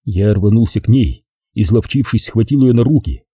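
A man's voice: fairly low pitch, moderate pace, dark tone, breathy edge, dry recording, clean studio sound. A man narrating a first-person audiobook, telling the story expressively and acting out the dialogue.

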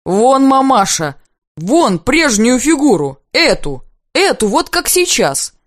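A wildly excited young painter, as a woman reader puts him on, bursts out in frantic exclamations, almost in tears. His voice pitches up high and the sound is dry and close, with no room around it. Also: takes it slowly, no echo, exaggerated voice. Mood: frantic, rapturous. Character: excitable young male painter, shouting in rapture.

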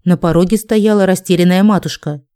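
A woman narrating an audiobook in a measured, expressive manner. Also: lowish voice, clean tone.

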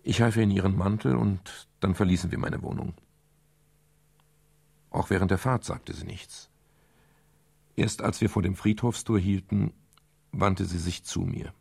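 Playing a world-weary detective narrating his own case, a male actor gives a full character voice in a German crime radio play of narration and dialogue. His deep, gravelly, husky tone is warm and steady, and he sounds wry, measured and reflective.

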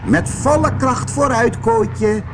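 A man's voice: very high-pitched, takes it slowly, background noise, voice pushed up. A man voicing a headstrong, brash old aunt in a storybook, bossing her nephew around. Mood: feisty. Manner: brash, bossy, cackling.

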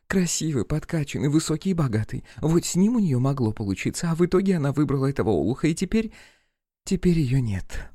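A catty young woman, as a man puts her on, chatting away in a gossipy, scornful rush for an audiobook. The voice sits fairly high yet sounds dark and mellow. The recording is dry and close. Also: big pitch swings, fast talker, dry recording. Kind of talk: audiobook character voicing.

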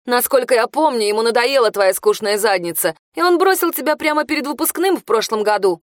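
A woman's voice: fairly high pitch, expressive, a little fast, no echo, studio quality, voice pushed up, close to an everyday voice. A woman voicing a spiteful, mean teenage girl who talks in a sneering, venomous way.

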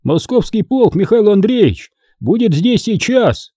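A male narrator voicing a boastful, gruff former outlaw who shouts down nobles and rouses peasants in an audiobook. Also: high-pitched, big pitch swings, moderate pace, no echo, studio quality, voice pushed up, full character voice. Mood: blustering. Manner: blustering, shouting and mocking.

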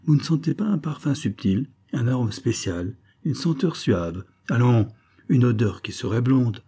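A man's voice: medium pitch, expressive, unhurried, warm tone, breathy edge. A man voicing a sly, jovial old notary who teases knowingly, read in an audiobook. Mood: teasing. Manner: teasing, knowing.

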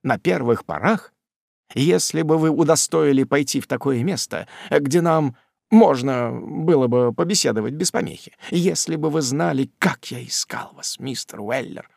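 A man's voice: fairly high pitch, moderate pace, creaky, darkish tone, dry recording, studio quality. A man reading a storybook, voicing a sly male servant who gushes and fawns in a whiny, ingratiating way. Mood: fawning. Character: sly fawning male servant, tearful, falsely innocent.

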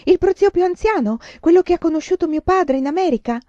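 A woman voicing a spirited, stubborn little girl in a storybook reading, speaking high and insistent. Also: big pitch swings, normal speed, dark tone, no room sound, highs cut off, natural voice. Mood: bold.

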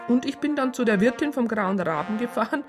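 With music in the background, a woman with a fairly high, animated voice speaks a little fast and sounds natural. She's an actress voicing a police psychologist in a radio drama, indignantly reporting and accusing through carefully formal, exact wording in both narration and dialogue.

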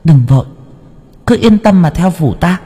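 In an audiobook, a man voices a stern spirit medium, possessed, who scolds and lectures the people who come with questions, his tone commanding. His voice is high, husky and warm, expressive at a moderate pace, and pushed up as if in a large hall.

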